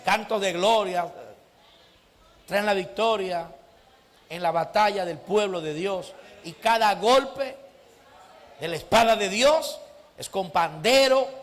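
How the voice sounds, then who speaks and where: Bright-voiced preaching pastor, church reverb. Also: male voice, sits high. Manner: preaches with rising shouts and frequent "amén" and "gloria a Dios". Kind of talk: sermon. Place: church sanctuary. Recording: long hall reverb.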